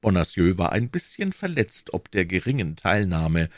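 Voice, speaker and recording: A man reading a classic novel aloud in an expressive, measured storytelling voice. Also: sits low, no echo, clean studio sound. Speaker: audiobook reader.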